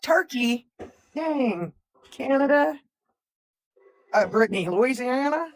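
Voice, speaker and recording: A woman's voice: sits high, expressive, slow pace. A woman, chatting casually as a livestream co-host and reading out where viewers are from. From Tennessee, USA. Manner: chatty, reads out viewer comments.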